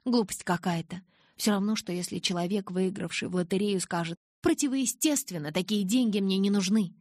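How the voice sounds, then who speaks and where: A woman's voice: mid-range voice, fairly quick, darkish tone, dry recording, clean studio sound, voice pushed up, close to an everyday voice. A woman reading a stubborn teenage girl. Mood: defiant.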